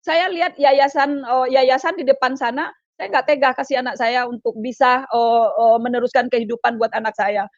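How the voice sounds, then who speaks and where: A woman from Palembang, Indonesia, giving an emotional personal testimony, talking in a halting, repetitive way with frequent fillers. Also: high-pitched, steady tone, no room sound. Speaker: guest giving a conversion testimony. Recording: dull, slightly lo-fi dry sound.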